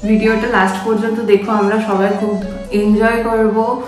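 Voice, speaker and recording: Woman vlogger, talks straight to camera, mid pitch, echoey prayer room with faint music under her. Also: flat delivery, moderate pace, recorded from a distance. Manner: chatty, talks straight to viewers. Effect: echoey room sound. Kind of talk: casual vlog chat. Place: small home prayer room.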